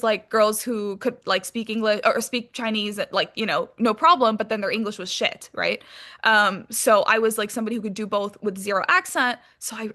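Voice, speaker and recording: Bright and forceful at a mid-range pitch, a Hong Kong actress relays career anecdotes in a casual interview. Her animated chatter is informal, full of swearing and "like."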